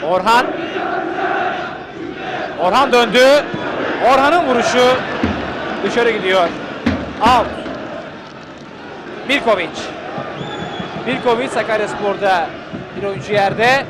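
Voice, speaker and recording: A man giving live football play-by-play in clipped phrases, calling out players' names and shouting excitedly at chances. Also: high-pitched, slow, pauses often. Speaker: football commentator. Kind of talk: live play-by-play match commentary. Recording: loud crowd and noise behind. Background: stadium crowd.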